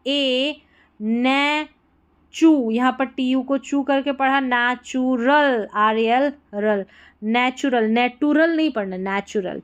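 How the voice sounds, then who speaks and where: Brief: woman, English reading tutor, raised pitch, spells words out slowly. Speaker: English teacher. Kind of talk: slow word-by-word reading lesson.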